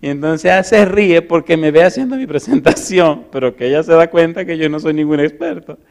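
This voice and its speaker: A middle-aged man preaching, telling a story with laughter and big swings from loud to hushed. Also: fairly high pitch, brisk, vocal fry. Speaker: pastor. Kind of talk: storytelling sermon.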